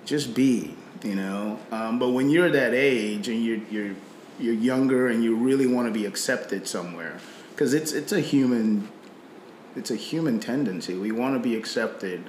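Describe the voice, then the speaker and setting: A middle-aged Nigerian man, whose Nigerian accent carries a slight British tinge, reflects on faith in conversation, often repeating words and leaning on fillers. His voice is mid-range and somewhat dark, at a normal pace. The poor recording is reverberant with a little hiss or hum.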